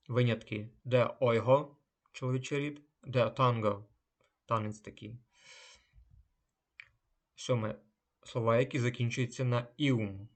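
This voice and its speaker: A man teaching a language lesson, drawing out each German example word before giving its meaning. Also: mid-range voice. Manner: slow, drawn-out German example words. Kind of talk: unhurried lesson.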